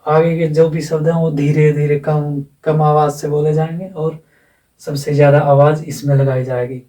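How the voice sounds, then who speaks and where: A man's voice: on the high side, little pitch movement, warm tone, distant mic. Man teaching in an echoey room. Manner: explains slowly with repetition and asides. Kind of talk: classroom lecture on English phonetics.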